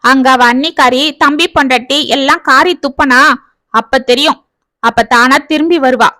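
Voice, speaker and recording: Woman playing a bitter middle-aged father, scolding, ranting, high voice, storybook reading, dry close sound. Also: a little fast, pushed and bright, no echo. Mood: angry.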